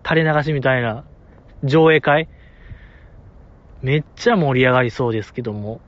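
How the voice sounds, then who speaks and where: This man hosts a podcast at normal speed in a mid-range voice, keeping the chat casual, joking and animated. He does playful put-on voices in quoted asides, all captured in dry, dull lo-fi audio.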